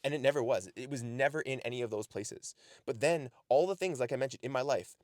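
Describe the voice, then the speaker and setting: A man from Canada speaks to camera outdoors in snow, sharing casual life advice in an earnest, direct motivational talk. He keeps returning to "right?" and "the reality is." His medium-pitched voice is brisk and darkish, and the recording is dry and studio quality.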